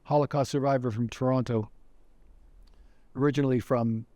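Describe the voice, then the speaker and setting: A man's voice: medium pitch, steady tone, normal speed, warm tone, dry recording. A man giving a recorded educational lecture as director of education, telling stories earnestly. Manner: earnest storytelling.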